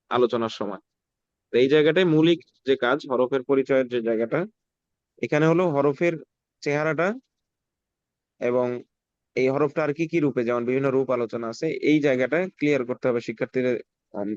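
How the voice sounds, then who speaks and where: A man supervising a course, giving a teacher brisk, direct instructions during an online class. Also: medium pitch, a little mellow, no echo, dull audio.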